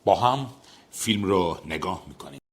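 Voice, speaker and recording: A male program host reads his formal, scripted lines at a very rapid pace. His voice sits on the low side, and he keeps a formal, measured phrasing even at that speed. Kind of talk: scripted narration.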